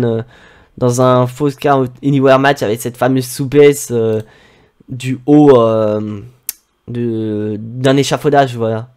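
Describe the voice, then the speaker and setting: A man giving relaxed, chatty commentary on his own gameplay, with frequent hesitations. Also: medium pitch. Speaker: gaming YouTuber.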